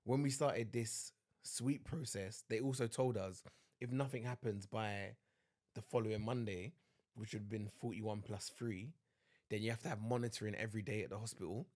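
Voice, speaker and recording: A young adult man co-hosting a podcast, recounting events in relaxed casual chat. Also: on the low side, moderate pace. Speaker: podcast co-host.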